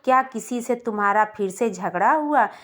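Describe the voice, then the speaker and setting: A woman voicing a calm, gentle, wise male guru teaching his pupil in a storybook tale. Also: medium pitch, normal speed, natural voice. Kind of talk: storybook narration dialogue.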